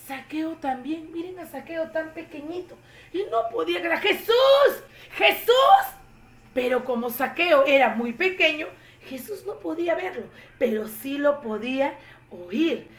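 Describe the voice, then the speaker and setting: A woman telling a Bible story to children in an expressive, animated way. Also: high-pitched, a little slow, recorded from a distance. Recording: echoey room, faint noise.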